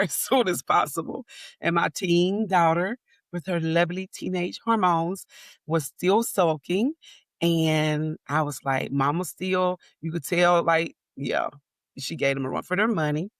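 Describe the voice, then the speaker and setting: A woman's voice: lowish voice, dry recording. Forties woman spilling her story, candid, laughs through the hard parts, dead dry audio. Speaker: podcast guest, author. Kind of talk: personal storytelling.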